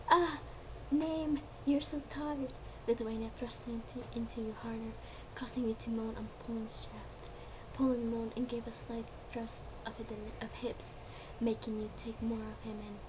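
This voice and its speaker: A woman giving an amateur dramatic reading of a story, now and then stumbling over her words and repeating phrases. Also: fairly high pitch. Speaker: fan fiction reader. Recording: clearly noisy home recording.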